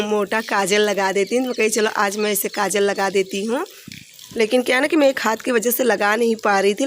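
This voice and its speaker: A woman's voice: mid-range voice, slight background noise. A woman narrating her home vlog in a chatty, rambling way, with many fillers and restarts. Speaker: vlogger. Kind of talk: casual home vlog voice-over.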